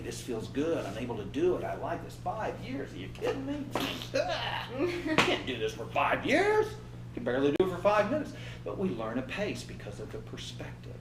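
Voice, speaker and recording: Brief: lively man in his fifties, trainer leading a workshop, echoey room, mic a bit distant. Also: fairly high pitch, noisy background. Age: 50s. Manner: animated, acts out inner voices and laughs. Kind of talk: motivational workshop talk.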